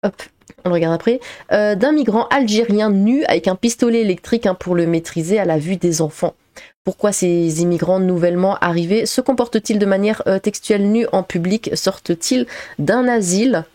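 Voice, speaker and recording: A woman streamer giving casual commentary, filling pauses with 'euh', laughing and making sarcastic remarks as she reads out comments. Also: medium pitch, dark tone, dry recording, clean studio sound.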